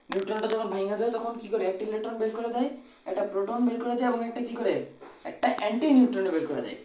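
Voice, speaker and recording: Fast-talking Bangladeshi Bengali tutor, echoey room. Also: male voice, high voice, mellow, slight background noise. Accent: Bangladeshi Bengali, colloquial. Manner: repeats phrases, asks and answers own questions. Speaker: physics tutor. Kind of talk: exam-prep physics lesson.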